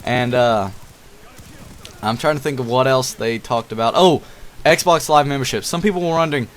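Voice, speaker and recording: A young man giving casual, rambling commentary over gameplay, excited and addressing his viewers directly. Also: mid-range voice, normal speed, a little hiss or hum. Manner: rambling and enthusiastic, talks to viewers as guys. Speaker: gaming YouTuber.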